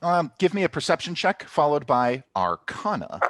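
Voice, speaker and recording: A man running a tabletop game as game master over a video call, narrating with lively storytelling and calling for checks. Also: on the high side, moderate pace, heavy background noise. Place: home.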